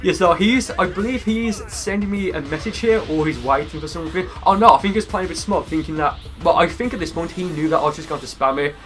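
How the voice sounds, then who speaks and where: Higher-pitched man doing casual gameplay commentary. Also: quick pace, hardly any pauses, fairly bright tone. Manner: rambling, conversational. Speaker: gaming video creator. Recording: music behind the voice. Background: music.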